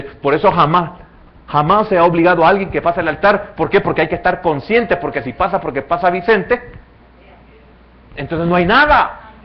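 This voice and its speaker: Male pastor, Salvadoran accent, sermon, quiet reasoning swelling into fervor, muffled lo-fi sound. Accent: Salvadoran Spanish. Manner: swings between quiet, low reasoning and loud, high fervent passages.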